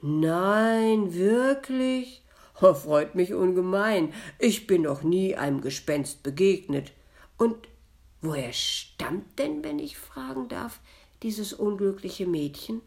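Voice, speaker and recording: A woman playing a jovial male village butcher who talks loudly and teasingly in a read-aloud story. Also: mid-range voice, sing-song, unhurried, pitched above the performer's own voice. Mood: mock-amazed. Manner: loud, mock-cheerful, teasing.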